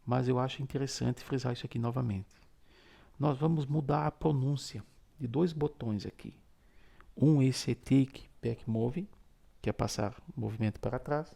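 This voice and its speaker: Teaching a step-by-step screen-reader lesson on a phone, this host patiently talks through each gesture as he performs it. He speaks in a mid-range, very gravelly, mellow voice, calm and never rushed.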